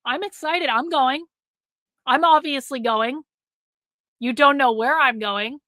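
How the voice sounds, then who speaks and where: Slow and high, with a sharp tone and no echo, a middle-aged woman hosts a livestream. In casual talk to her chat she is blunt, swears freely, and hammers points by repeating them, all while losing her voice.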